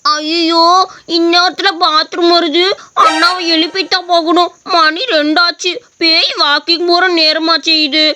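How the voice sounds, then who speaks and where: A woman's voice: extremely high pitch, flat delivery, measured pace. A woman voicing a timid little boy in a cartoon story, whiny and pleading. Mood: scared. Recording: noisy recording.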